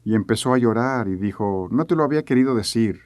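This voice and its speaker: A man's voice: mid-range voice, expressive, quick pace, darkish tone, no echo. A middle-aged man teaching a sermon, telling a family story earnestly and acting out the voices he quotes. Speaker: preacher.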